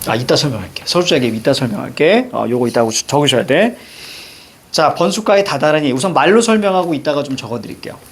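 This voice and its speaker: A male teacher giving a brisk literature lecture, directing students and firing quick questions at them. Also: fairly high pitch, animated, slightly rough. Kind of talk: classroom lecture.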